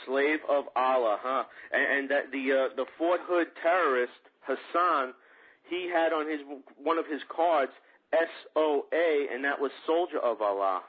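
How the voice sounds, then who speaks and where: A man's voice: medium pitch, a little slow, slightly rough. A man hosting a radio talk show, asking questions in a conversational, reactive way. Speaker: radio host. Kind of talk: radio interview. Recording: tinny phone-like radio sound.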